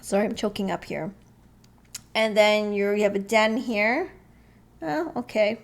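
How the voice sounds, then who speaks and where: A woman's voice: mid-range voice, measured pace. A woman casually thinking aloud as she walks through floor plans, hesitant and chuckling now and then. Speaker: real estate vlogger. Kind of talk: casual walkthrough commentary.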